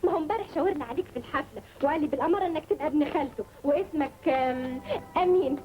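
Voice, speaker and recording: An actress with an Egyptian accent playing a chatty, lovestruck young student in a 1950s film. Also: female voice, sits high, rapid-fire, natural voice. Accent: Egyptian Arabic. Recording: dull 1950s film soundtrack with music.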